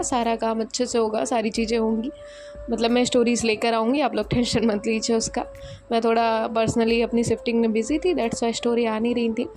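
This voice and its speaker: A young woman narrating a romance story in a gentle, unhurried way, then chatting with her listeners. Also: on the high side. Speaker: storyteller and channel host.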